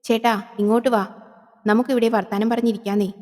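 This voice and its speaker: A woman voicing a vengeful, seductive female yakshi spirit in a horror audio drama, coaxing slowly and intimately. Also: a little high, flat delivery, a little mellow, long reverb tail, lightly acted. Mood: luring.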